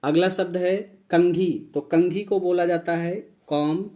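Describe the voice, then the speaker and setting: Slow man teaching vocabulary. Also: sits high, fairly even intonation, warm tone. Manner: slow, repeats each word and spells it out. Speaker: English teacher. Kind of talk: vocabulary lesson.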